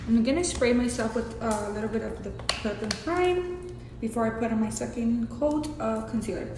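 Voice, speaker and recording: Speaking in a fairly high voice at normal speed, a young Mexican-accented woman hosts a relaxed, foul-mouthed makeup tutorial full of chatty tangents as a beauty vlogger. The room echoes, and hiss is audible.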